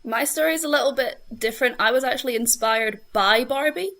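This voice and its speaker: A woman's voice: on the high side, brisk, fairly bright tone. A young woman with a broad Scottish accent tells a personal anecdote casually, acting out her thoughts as she goes. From Scotland. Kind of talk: casual anecdote in a panel chat.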